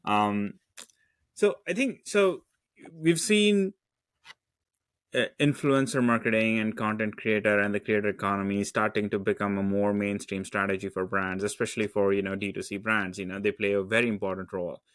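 A man's voice: on the low side, fairly even intonation, moderate pace, fairly bright tone, no echo. A man hosting an interview, asking questions hesitantly with many "uh" and "um" fillers and repeated words. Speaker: interview host.

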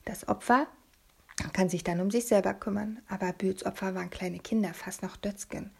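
Husky, gravelly woman narrating an audiobook. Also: medium pitch, fairly even intonation, moderate pace. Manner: hushed, often half-whispered, confiding. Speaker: audiobook reader. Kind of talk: first-person audiobook narration.

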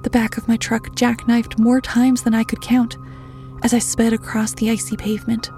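A woman narrating a scripted horror story in a steady, measured way, her voice slightly high but flat and mellow. She often drops to a hushed half-whisper. Faint music runs underneath.

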